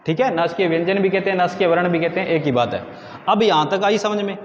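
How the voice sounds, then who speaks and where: A man's voice: high-pitched, fast, roomy sound, long reverb tail, lo-fi sound, a little hiss or hum. A man teaching Hindi grammar for exam prep, asking his own questions and answering them himself.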